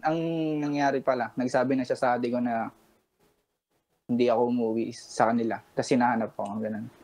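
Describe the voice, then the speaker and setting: A man in his twenties from the Pampanga region, calling in to a late-night radio show and politely, calmly recounting a personal confrontation while quoting what others said. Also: mid-range voice, poor audio. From Pampanga, Philippines. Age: 20s. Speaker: caller.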